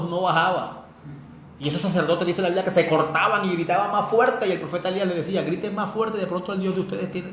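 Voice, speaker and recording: A man preaching with fervor, his voice sitting high for a man. He keeps turning to his listeners with pointed rhetorical questions. The sermon rings through a roomy, echoey space with a faint hiss behind it. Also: fairly bright tone. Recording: echoey room with faint noise.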